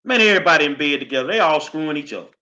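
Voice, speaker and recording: A man co-hosting a heated political talk show, his voice bright and tense and a little high. He fires off rhetorical questions in blunt slang. The sound is somewhat dull and lo-fi. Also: lively intonation, rapid-fire. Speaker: co-host. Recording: slightly dull, lo-fi line.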